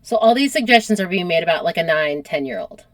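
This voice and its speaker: A woman's voice: on the low side, fast talker, no room sound. Casual female podcast host, conversational history storyteller, dry close mic. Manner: chatty, animated, uses lots of "like".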